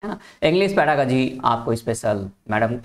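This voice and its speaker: Brief: young male tutor, lively and coaxing, walking students through practice questions. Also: medium pitch, normal speed. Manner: animated, asks students questions and coaxes them. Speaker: teacher. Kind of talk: exam-prep video lecture.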